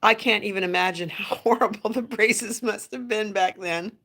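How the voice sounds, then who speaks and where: Patient middle-aged mom chatting with kids. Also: female voice, mid-range voice, moderate pace. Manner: gentle, patient, coaching tone with kids. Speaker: parent hosting a family livestream. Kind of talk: casual chat with children on a livestream.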